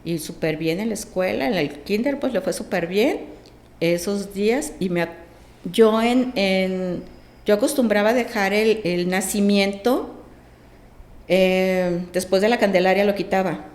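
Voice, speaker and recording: A woman, a podcast guest telling a personal story with lively acted-out dialogue. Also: mid-range voice, unhurried, roomy sound. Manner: animated, acts out quoted dialogue.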